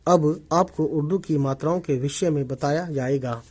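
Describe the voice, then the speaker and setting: A man teaching an Urdu writing lesson in Hindi, repeating words slowly and often checking that viewers follow along. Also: fairly high pitch, dark tone. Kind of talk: online language lesson. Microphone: omnidirectional desk microphone.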